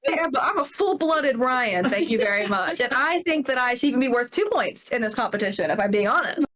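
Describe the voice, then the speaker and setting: Playful young woman, bright-ish voice. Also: fairly high pitch, lively intonation, fairly quick. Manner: playful, teasing. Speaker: guest game runner. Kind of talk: casual chat.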